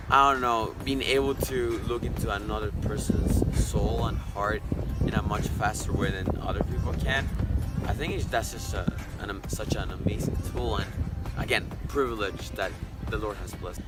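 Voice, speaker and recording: An earnest, reflective eighteen-year-old man from Costa Rica, interviewed here, shares his story and thinks aloud while offering a word of encouragement. His voice is on the low side, in a low-quality recording with loud background music.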